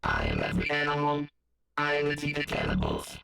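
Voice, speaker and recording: A man rapping a vocal that runs through a robotic metallic vocoder filter, with the pitch snapped to synth notes. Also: monotone, fairly quick, bright, forceful tone, soft background music. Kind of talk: rap vocal.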